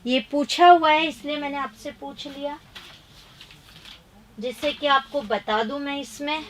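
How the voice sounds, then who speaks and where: A woman teaching a live online grammar class, briskly reading quiz questions and options aloud, then giving and explaining the answers with emphatic, chiding remarks. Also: sits high, fairly even intonation.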